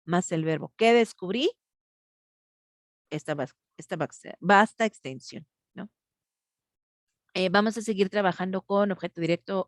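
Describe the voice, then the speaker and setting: A woman teacher with a mid-range voice runs an online grammar class by video call. She takes students through the material patiently and step by step, inviting them to answer. The recording is dry and cleanly studio-quality.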